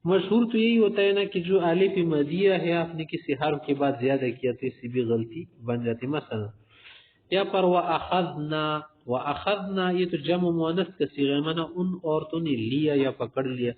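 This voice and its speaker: Man, tajweed teacher, explains with spoken examples, somewhat high voice, thin phone-like sound. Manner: explains with spoken examples, addresses listeners as respected sirs. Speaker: Quran recitation teacher. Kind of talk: tajweed lesson. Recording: tinny phone-like recording.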